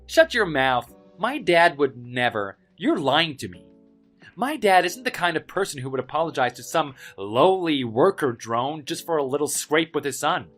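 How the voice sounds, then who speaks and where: An actor playing an arrogant, spoiled young heir who bullies office workers in a dramatized story, with a mocking, pompous manner. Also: male voice, on the high side, animated, moderate pace, hardly any pauses, faint music behind. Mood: shocked, indignant. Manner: mocking, pompous, loud swings of emphasis.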